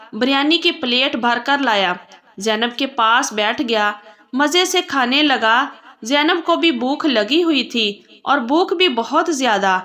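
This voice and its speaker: A woman narrating a story calmly and evenly, as the host of a storytelling channel. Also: high-pitched.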